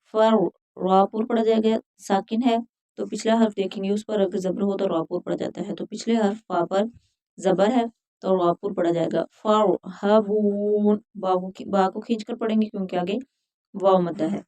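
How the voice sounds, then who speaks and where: A woman teaching Quran recitation rules, chanting verses slowly and then explaining each letter in plain talk. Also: mid-range voice, steady tone, dark tone. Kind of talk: recitation and tajweed instruction.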